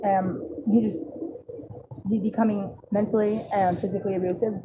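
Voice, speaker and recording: A woman's voice: medium pitch, level tone, moderate pace, dull audio. A woman in casual street conversation, reacting with exclamations and swearing freely. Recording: clearly noisy outdoor recording with vehicle sounds.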